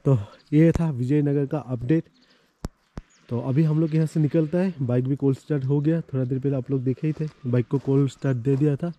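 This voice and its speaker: Outdoors on mountain roads, a motorcycle travel vlogger narrates his trip in a loose, chatty style packed with fillers. His medium-pitched voice is mellow with fairly even intonation and a slightly fast pace, and the highs are cut off.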